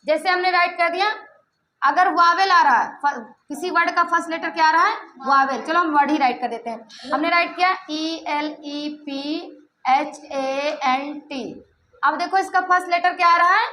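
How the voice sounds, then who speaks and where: A woman's voice: very high-pitched, moderate pace, pushed and bright, slight background noise. A woman teacher giving a classroom lesson, asking pupils questions and echoing their answers back with playful asides. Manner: keeps quizzing pupils, repeating answers back. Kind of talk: classroom lesson with call-and-response.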